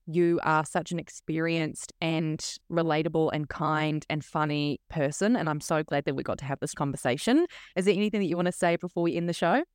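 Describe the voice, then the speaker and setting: A woman's voice: low voice, brisk, hardly any pauses, clean tone, no room sound, clean studio sound. A woman podcast host with a broad New Zealand accent, speaking informally and effusively as she interviews.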